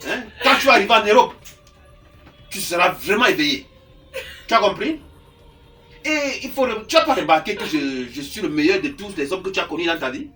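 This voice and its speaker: An actor playing a lecherous, manipulative middle-aged uncle, insistent and wheedling. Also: male voice, high voice, expressive, moderate pace, pauses often, sharp tone. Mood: pushy. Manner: insistent, wheedling, keeps tagging "hein?". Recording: distant mic with background music.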